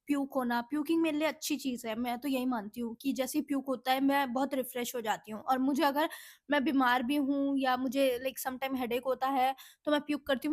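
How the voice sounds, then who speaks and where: A woman's voice: high-pitched, no room sound, studio quality. A woman vlogger chatting casually as she tells a personal story, mixing Hindi with English phrases.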